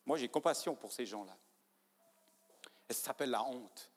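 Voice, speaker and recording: A man preaching a sermon in a church, animated, acting out people's inner voices and swinging from hushed to loud. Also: mid-range voice, normal speed. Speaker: pastor. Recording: church hall reverb.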